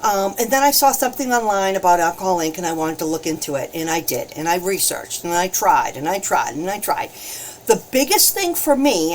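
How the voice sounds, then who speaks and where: A bubbly, chatty woman talks viewers through a live painting session, and she laughs often. Her voice swings up and down a lot as she greets people and explains her supplies. It sits at an ordinary middle pitch. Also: slight background noise. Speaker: alcohol ink painting host. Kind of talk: casual live-stream painting demo.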